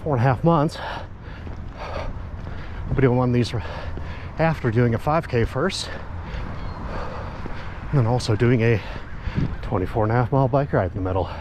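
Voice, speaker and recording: A man's voice: mid-range voice, moderate pace, long pauses. Man vlogging while running, noisy outdoors. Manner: talking while running outdoors, in short breathy phrases. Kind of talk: casual running vlog, talking to himself. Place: outdoors on a lakefront running path. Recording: loud outdoor wind and city noise.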